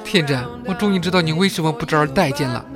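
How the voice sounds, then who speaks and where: A man's voice: fairly high pitch, fast. A man hosting a comedy news talk show, telling jokes and laughing at his own punchlines. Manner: lively joke-telling with laughs. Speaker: podcast host. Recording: music bed behind voice.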